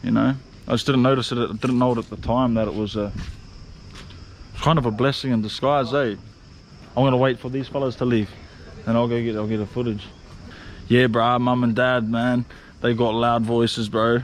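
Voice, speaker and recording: A man's voice: medium pitch, level tone, normal speed. A young man telling stories in a casual, slangy vlog, swearing and laughing often. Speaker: vlogger. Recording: faint background noise.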